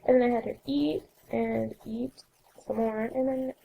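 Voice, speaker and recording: A raspy young woman with a cold talks casually over her game footage, rambling and often correcting herself. Her voice sits a bit high but sounds dark and gravelly, and a faint hiss runs underneath. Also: fairly even intonation, measured pace, rough recording. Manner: chatty, rambling, self-correcting. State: coughing, sore throat. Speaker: let's play host. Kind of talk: casual gameplay narration.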